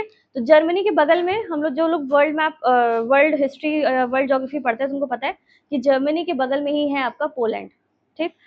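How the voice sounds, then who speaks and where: A woman's voice: high voice, dull audio. A woman teacher explaining a map lesson, repeating names and checking in with her students.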